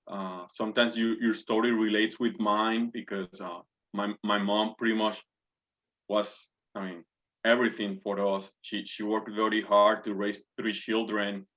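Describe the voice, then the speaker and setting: A man in his forties from Puerto Rico, a navy officer appearing as a guest, responds to interview questions with earnest politeness, many fillers, and restarts. His lowish voice is a bit bright and carries a Puerto Rican Spanish accent. The recording is dull lo-fi audio.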